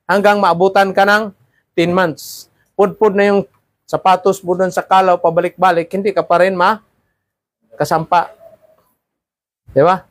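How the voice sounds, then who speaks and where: A man's voice: sits high, flat delivery, unhurried, long pauses, no echo. A man teaching a class of seafarer trainees, lecturing and often checking in with "ha?" and "di ba?". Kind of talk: classroom talk.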